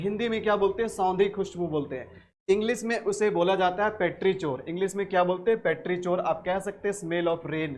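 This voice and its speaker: A man with an Indian English accent teaching English vocabulary in Hindi, repeating each word slowly and answering his own questions. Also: high-pitched, slight background noise.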